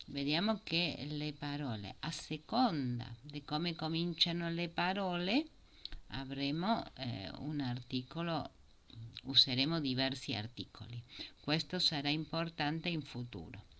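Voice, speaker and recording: Slow, low-voiced woman teaching Italian. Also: fairly bright tone. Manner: slow, explanatory, mixing Italian and Spanish. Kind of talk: recorded grammar lesson for Spanish speakers.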